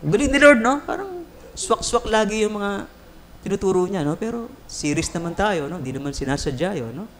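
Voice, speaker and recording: Casting: male Filipino pastor, high and animated voice, keeps asking the congregation questions. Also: a little fast, slight background noise. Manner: lively, mixes English phrases, asks the congregation questions. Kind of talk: sermon. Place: church.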